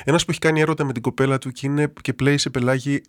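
A man's voice: mid-range voice, steady tone, no room sound, clean studio sound. A man, a former priest, talking earnestly as a guest and musing on anger, love and people. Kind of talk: reflective conversation with anecdotes.

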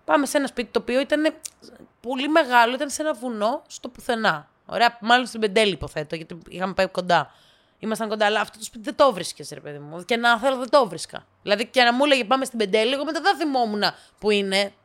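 A woman tells funny stories in a relaxed, chatty way. She brings the dialogue to life with sudden jumps up in pitch. Between those she drops into quiet, low asides. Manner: lively, acts out dialogue with sharp pitch jumps. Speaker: storyteller. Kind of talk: casual anecdotal storytelling to listeners.

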